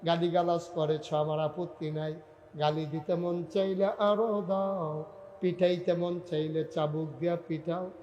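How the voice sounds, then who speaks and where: Guy doing a humble old ruler, soft n tearful, kinda high voice, echoey. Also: steady tone, measured pace, dull audio, a little hiss or hum. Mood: remorseful. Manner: soft, tender, remorseful.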